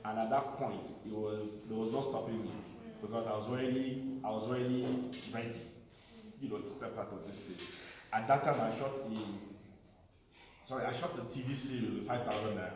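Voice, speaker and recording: A man's voice: on the low side, fairly even intonation, moderate pace, a crowd in the background. Man in his forties in echoey hall. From Nigeria. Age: 40s. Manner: reflective, frequent "you know" and restarts. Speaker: guest speaker, film producer. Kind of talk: storytelling talk to an audience. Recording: echoey hall from far off, noisy.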